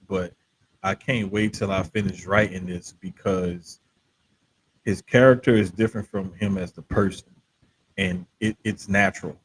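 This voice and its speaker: A middle-aged man in a casual group chat as a podcast host, talking in an animated, emphatic, slangy way. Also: fairly low pitch, a little hiss or hum, poor audio.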